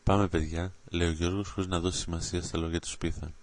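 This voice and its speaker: A man narrating a children's adventure story aloud, in a steady, dramatic reading. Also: deep voice.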